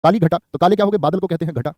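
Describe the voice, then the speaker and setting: A man with a high, darkish voice teaches an online exam-prep class live, in clean, dry studio sound. Quick, repetitive dictation of key phrases fills the lesson, and he calls students by name.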